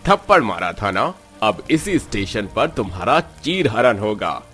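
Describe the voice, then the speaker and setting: A man's voice: fairly low pitch, very animated, measured pace, fairly bright tone, faint music behind. A man voice acting a worried father in a cartoon story, earnest and anxious.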